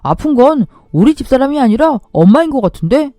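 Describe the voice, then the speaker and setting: Lady doing a grown son yelling at his mom in a radio story, warm voice, dry sound. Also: very high voice, big pitch swings, brisk, no echo, faint music behind, pitched above the performer's own voice. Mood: accusing. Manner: raised, accusing voice. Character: angry grown son accusing his mother.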